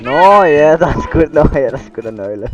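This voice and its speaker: Swearing gamer barking directions. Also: male voice, a little high, lively intonation, music in the background. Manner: swears a lot, barks directions at his friend. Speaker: gaming channel host. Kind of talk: casual gaming chat with a friend. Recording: distant, dull mic with clear noise.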